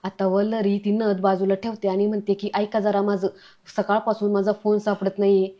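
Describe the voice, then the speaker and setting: A woman's voice: medium pitch, level tone, moderate pace, mellow. A woman retelling a TV serial episode, reading the characters' lines in her own voice. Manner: reads characters' lines with little change of voice. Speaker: serial recap narrator. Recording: dull lo-fi recording.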